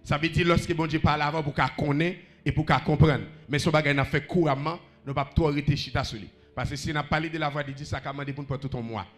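A man's voice: a little high, fairly even intonation, fast talker, few pauses. A man with a Haitian accent preaching a sermon, rhythmically calling out questions to the congregation.

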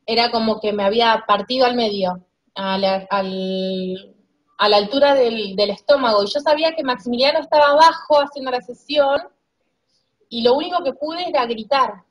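A woman's voice: on the high side, moderate pace, dull audio. A woman recounting a vivid dream in a casual, hesitant way, restarting her phrases. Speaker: client's wife recounting a dream. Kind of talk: casual storytelling.

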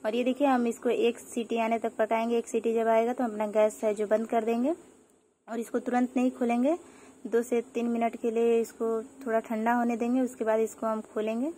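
A woman's voice: fairly high pitch, little pitch movement, moderate pace, warm tone, a little hiss or hum. A woman hosting her home cooking channel, explaining each step in a chatty, repetitive way while she cooks in her kitchen, filmed on a phone. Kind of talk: casual cooking tutorial.

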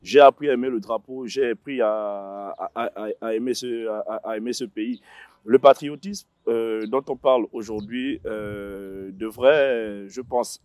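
Speaking unhurriedly in a fairly low, darkish voice, a man in his thirties sits on a panel outdoors on a city square. There's no echo on his lapel mic, and he keeps restarting and using fillers.

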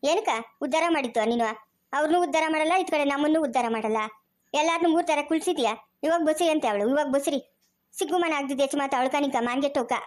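A woman playing a quarrelsome, jealous village housewife who rants and curses nonstop in a comedy skit, with a rural Chikkaballapur Kannada accent. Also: lightly acted. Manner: shrill, rapid, nonstop ranting and cursing. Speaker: actor in a family comedy skit.

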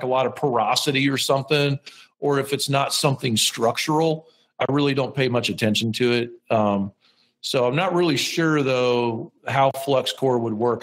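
A man's voice: mid-range voice, low-quality recording. Middle-aged guy talkin shop from his welding shop, rambly, lots of ums, plain mid voice. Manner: rambling, self-deprecating, many ums and restarts. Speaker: podcast host. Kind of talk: casual how-to talk. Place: metal fabrication shop.

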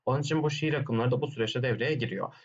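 A male teacher with a mid-range, creaky voice talks fast on a lo-fi recording as he works through exam questions one at a time. He explains step by step, poses his own questions and answers them, and hums "dın dın dın" between points.

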